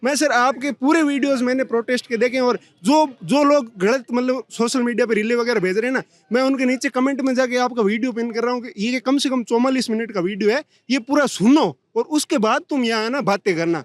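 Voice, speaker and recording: A young man from Rajasthan speaks out passionately as a protester in an outdoor street interview. His voice sits very high for a man. He talks in heated, rapid bursts. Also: no room sound. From Rajasthan, India. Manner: impassioned, rapid-fire complaints.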